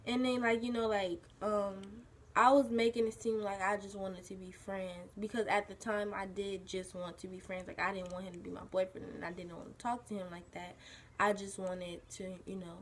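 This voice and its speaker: Husky teenage girl rambling casually. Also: mid-range voice, level tone, moderate pace, a little hiss or hum. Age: teens. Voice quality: husky, just woken up. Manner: rambling, full of "like" and "you know". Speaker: vlogger. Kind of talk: casual storytime chat.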